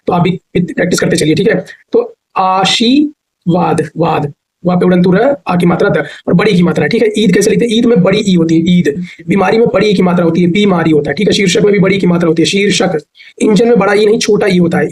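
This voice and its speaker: High-voiced man drilling grammar. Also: darkish tone, poor audio. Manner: repetitive drilling question-and-answer; stretches words to show spelling. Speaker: Hindi teacher. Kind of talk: online exam-prep lesson.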